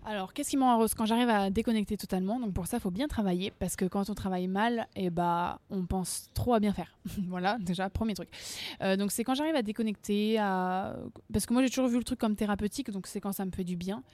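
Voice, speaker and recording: A woman's voice: mid-range voice, brisk, a little mellow, no echo. A young woman singer talking casually in an interview, chatty, laughing often, full of fillers and restarts. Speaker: singer guest.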